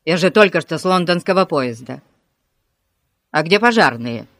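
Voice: medium pitch, animated, moderate pace, a bit bright, no room sound. Irritable man snapping, narrator's voice, close and dry. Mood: irritated. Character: snappish returning homeowner, man. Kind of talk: audiobook character voice.

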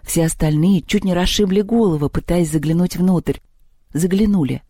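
An audiobook narrator reading a children's story in an even, measured voice. The tone is mellow and dark, with a middle pitch. The recording is close and dry. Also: slightly rough, no room sound.

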